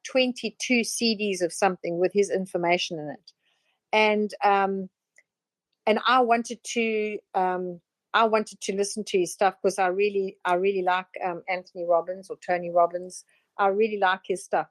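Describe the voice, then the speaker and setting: A woman's voice: mid-range voice, no echo. A woman giving a casual spiritual talk. She meanders, uses many fillers and restarts, and acts out quotes as she tells stories. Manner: lively storyteller who acts out quoted voices. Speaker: spiritual teacher. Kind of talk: casual spoken presentation.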